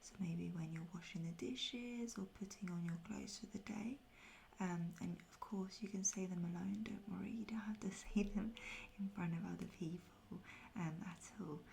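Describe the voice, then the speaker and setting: A woman softly whispering an ASMR guided pep talk of affirmations in a gentle, reassuring, unhurried and breathy way. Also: mid-range voice, a little hiss or hum. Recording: music behind the voice. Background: music.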